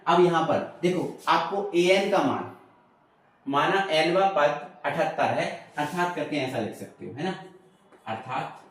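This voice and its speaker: A man's voice: a little high, lively intonation, measured pace. A male maths teacher explaining sums step by step, adding "है ना" and "ठीक है", asking questions aloud and answering them himself. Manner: repeats prompts like "है ना" and "ठीक है" to check understanding; playful asides while explaining. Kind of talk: chalkboard maths lesson. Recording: very echoey room, voice from a distance.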